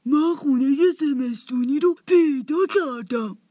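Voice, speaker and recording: A woman's voice: high-pitched, warm tone, no room sound, pitched above the performer's own voice, lightly acted. Woman doing a lazy, proud fat father mouse. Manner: lazy, drawling, yawning.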